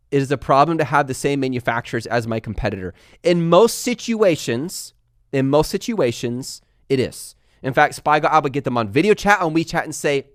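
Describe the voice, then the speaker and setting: A man from Texas and California hosting a casual live stream, talking fast and energetically while reading viewer comments aloud. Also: fairly high pitch, clear, resonant tone, dry recording, studio quality. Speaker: livestream host answering viewer questions.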